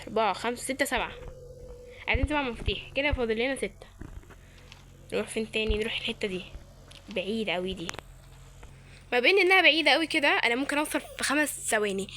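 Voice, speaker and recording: A woman's voice: on the high side, fairly bright tone, a little hiss or hum. A woman with an Egyptian Arabic accent giving playful, chatty let's-play commentary and talking to her viewers. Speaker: gamer.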